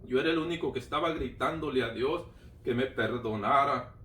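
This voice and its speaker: A man's voice: mid-range voice, fairly quick, a bit bright. A man giving a personal religious testimony, retelling it fervently with lots of repetition. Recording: roomy sound from a distant mic.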